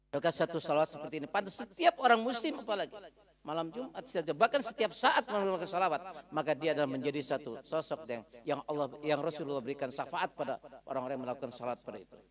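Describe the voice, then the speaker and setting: A man with a fairly high voice preaches a storytelling sermon in a mosque hall. He is animated and dramatic, and his pitch and volume swing freely as the story builds.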